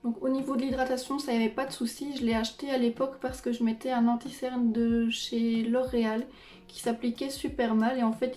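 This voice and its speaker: A woman's voice: a little high, warm tone. Chatty woman reviewing skincare, echoey room. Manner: chatty, many fillers and "donc". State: pregnant. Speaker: beauty vlogger. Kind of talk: casual product review.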